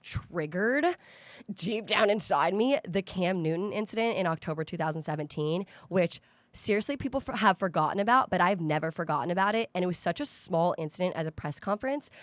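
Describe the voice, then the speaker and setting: A woman's voice: on the low side, expressive, fairly quick, no room sound. A young woman co-hosting a casual podcast, teasing and wry. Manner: wry, teasing, indignant when telling a story. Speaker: podcast co-host. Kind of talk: casual chat.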